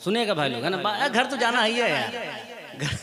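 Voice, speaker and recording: A man preaching to a gathering, joking with the crowd and chanting drawn-out religious verses. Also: high-pitched, sing-song. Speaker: Islamic preacher. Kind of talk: religious speech with humor and sung verse. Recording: echoey hall with faint music.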